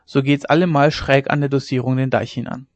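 An earnest young farmhand who speaks plainly and keeps a steady tone, as a male narrator reads him. The storybook reading sounds dry and a little dull. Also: mid-range voice, brisk, no echo, natural voice.

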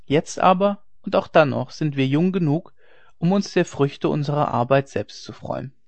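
A man voicing an earnest young male dike master who speaks with firm, warm assurance, on a dry, dull lo-fi recording. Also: fairly high pitch, normal speed, vocal fry, no room sound. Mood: reassuring.

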